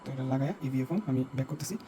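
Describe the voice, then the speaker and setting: A man casually explaining a speaker mod step by step, checking in with his listeners and pausing to search for words. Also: medium pitch, noisy background. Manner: talks step by step, checking in with "right?"; hesitant, with searching fillers while judging sound. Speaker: DIY tutorial host.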